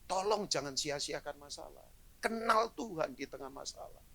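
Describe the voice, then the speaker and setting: A middle-aged man preaching a live sermon as pastor to a church congregation, animated and joking, dropping to low asides then rising to loud exclamations. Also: normal speed, gravelly. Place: church hall, in front of a congregation.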